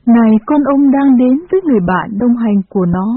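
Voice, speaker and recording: A woman's voice: fairly high pitch, expressive, fairly quick, no echo. A woman reading the part of an old mother longing for her son in a scripture reading. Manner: earnest reading. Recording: dry, tinny phone-like sound.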